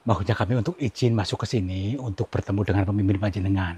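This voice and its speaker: A man, from Central Java, hosting a ghost-hunting vlog outdoors in a forest, giving hushed commentary and coaxing with repeated soothing words. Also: on the low side, fast talker, husky. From Central Java, Indonesia. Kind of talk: hushed on-location exploration commentary.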